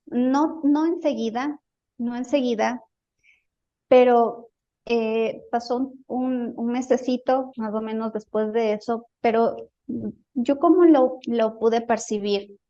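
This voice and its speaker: A woman's voice: a little high, slow pace, warm tone. Dull-sounding woman telling a story. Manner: hesitant, repeats words while searching for them. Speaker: guest recounting a healing experience. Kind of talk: casual storytelling in an interview.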